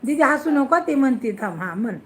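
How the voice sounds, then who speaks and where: Woman with a high voice bossing kids around at home, coaxing and teasing, faint hiss on a phone recording. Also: lively intonation, fairly quick, fairly bright tone. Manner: coaxing, bossy, playfully scolding. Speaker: family member teaching children. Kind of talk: casual home video.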